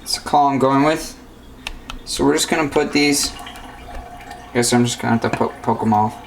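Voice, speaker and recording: A man's voice: mid-range voice, normal speed, gravelly, roomy sound, slight background noise. A young man vlogging casually from his home kitchen, talking in a rambling, easygoing way full of fillers. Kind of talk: casual vlog chat.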